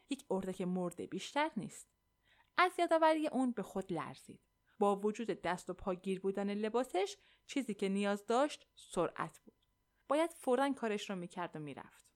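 Woman narrating a tense audiobook. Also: mid-range voice. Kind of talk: scripted narration of a thriller.

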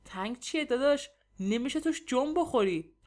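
A woman voicing a timid young husband in a storybook reading, who speaks casually and mocks the flat. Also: on the high side, natural voice. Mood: mocking. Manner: casual, mocking complaints.

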